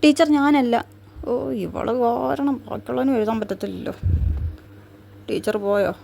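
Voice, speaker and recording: A woman's voice: fairly high pitch, moderate pace, gravelly, darkish tone, a little hiss or hum. A woman playing an unprepared schoolgirl who mutters worriedly to herself during an exam. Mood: panicky.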